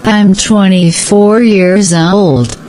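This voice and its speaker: A woman giving slow, scripted answers in a repeated language-practice dialogue. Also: medium pitch, steady tone, darkish tone, slight background noise, poor audio.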